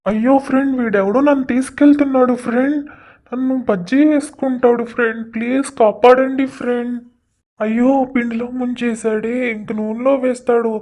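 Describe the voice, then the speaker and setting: A woman voicing a frightened little chili pepper in an animated story, pleading in a cartoon voice. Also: fairly high pitch, brisk, close to an everyday voice. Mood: panicked.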